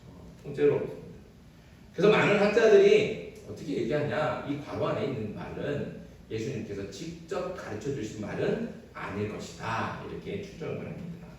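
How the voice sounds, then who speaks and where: A man's voice: mid-range voice, sing-song, normal speed, a little mellow, a little hiss or hum. A male pastor preaching an expository sermon, putting questions to the congregation and answering them himself. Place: church sanctuary. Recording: very echoey church sanctuary, distant mic.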